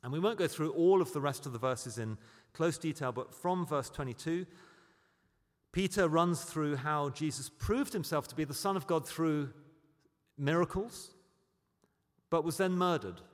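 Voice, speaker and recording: A British man preaching a sermon, building to loud, emphatic peaks on key points. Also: fairly high pitch, a little slow, in a large hall. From Britain.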